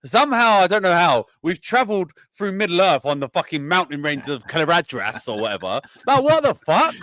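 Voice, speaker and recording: A man's voice: on the high side, very animated, fairly quick, a bit bright, no room sound. A man co-hosting a film podcast, rambling and swearing a lot while a bit drunk. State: tipsy. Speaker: podcast co-host. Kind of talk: casual film review chat.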